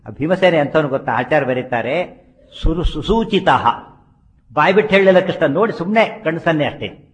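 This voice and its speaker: A man giving a religious discourse, explaining scripture with rhetorical questions and slowly chanting Sanskrit verses. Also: fairly high pitch. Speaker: religious speaker.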